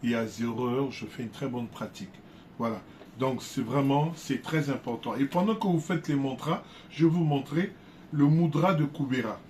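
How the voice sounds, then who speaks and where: A man teaching viewers in a casual, unhurried way, often repeating words and restarting his sentences. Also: mid-range voice, a little mellow, slight background noise. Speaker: spiritual teacher.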